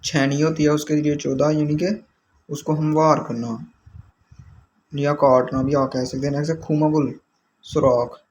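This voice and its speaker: A man's voice: fairly high pitch, little pitch movement, measured pace, a little mellow. Patient male teacher explaining vocabulary. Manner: explains patiently, repeating each term with its meaning. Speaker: language teacher. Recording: dull lo-fi sound with faint background noise.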